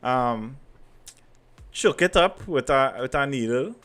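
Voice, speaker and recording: A man with a Trinidadian accent chatting casually and telling anecdotes in animated Creole, repeating phrases for emphasis. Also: medium pitch, slow pace. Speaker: podcast host.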